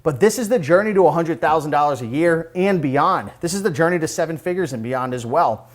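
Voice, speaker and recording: A man's voice: on the high side, fairly quick. Breathless man talking on a treadmill. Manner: energetic, talks while walking on a treadmill; conversational, repeats "like" and "you gotta". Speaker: online reselling vlogger. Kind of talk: casual advice vlog.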